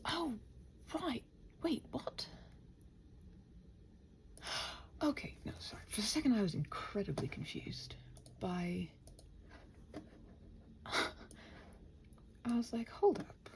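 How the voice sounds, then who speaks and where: A woman rambles casually to herself in body-doubling ASMR style as a channel host working, scattered and muttering and often slipping toward a whisper. She playfully talks to the computer and quotes imagined exchanges, her slightly high voice very animated at a slow pace with frequent pauses.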